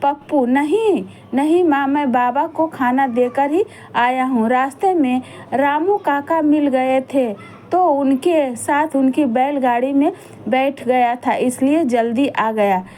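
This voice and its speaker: A woman voicing a calm, sensible boy who gently soothes his little sister. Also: sits high, slow, a little hiss or hum.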